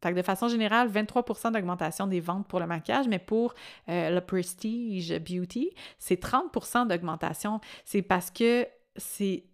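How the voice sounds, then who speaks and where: A woman's voice: mid-range voice, moderate pace. A woman in her late thirties with a Québécois French accent, hosting a podcast in a chatty, reflective monologue and laughing often. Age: late 30s. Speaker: podcast host.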